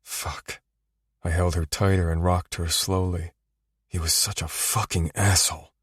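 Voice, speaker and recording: A man narrating a romance audiobook in the first person, with low, steady, intimate storytelling. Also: a little slow, slightly rough, no room sound, clean studio sound.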